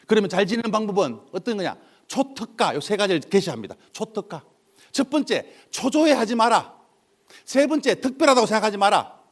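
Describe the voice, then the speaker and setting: High, lively man giving a comic talk. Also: brisk. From South Korea. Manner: animated storytelling, acting out dialogue in dialect and character voices. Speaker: motivational humor lecturer. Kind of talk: comic lecture to a live audience.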